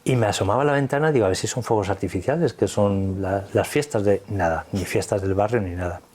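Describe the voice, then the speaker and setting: Man, quick speech, lowish voice, lively storytelling. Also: husky. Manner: animated, acts out dialogue in retelling. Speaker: guest telling his story. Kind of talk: casual storytelling interview.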